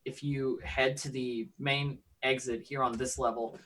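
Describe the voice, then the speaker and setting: A man's voice: medium pitch, little pitch movement, a little slow, fairly bright tone. A man talking casually in character as a player in a tabletop role-playing game.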